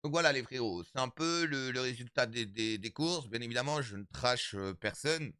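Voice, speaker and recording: A man in his thirties, streaming from home and talking straight to his chat. His pitch swings up and down and his voice is bright. The sound is close and dry. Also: normal speed, clear, resonant tone, no room sound. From Italian background. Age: 30s. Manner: animated, repetitive, addresses chat as brothers. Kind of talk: casual stream chat to viewers.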